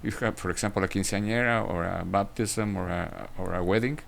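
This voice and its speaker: Guy, gravelly low voice, lots of uhs and restarts, faint room hum behind. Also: fairly even intonation, brisk. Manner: hesitant, many fillers and restarts. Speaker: cafe owner. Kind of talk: casual interview.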